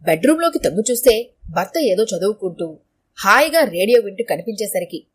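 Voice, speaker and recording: A woman narrating an audio story with an expressive, lively reading. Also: mid-range voice, a little fast, husky.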